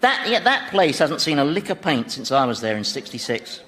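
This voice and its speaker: A man's voice: on the high side, big pitch swings, moderate pace, heavy background noise. A man playing Satan as a blasé, chatty, sardonic ruler of Hell in a radio sitcom, offhand and hesitant. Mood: casual, wry. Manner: offhand, conversational, hesitant, wry.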